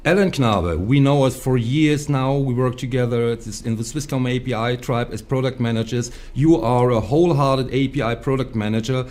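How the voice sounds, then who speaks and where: A man's voice: mid-range voice, normal speed, hardly any pauses, a little mellow. A man co-hosting a casual chat on a video call, often stopping and restarting his sentences. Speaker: co-host.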